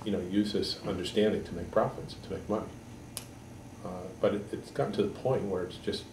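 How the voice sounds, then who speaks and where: A man in his sixties from Connecticut, a political candidate giving halting, measured answers in an editorial board interview. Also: sits low. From Connecticut, USA. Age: 60s. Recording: echoey room, mic far off, background noise.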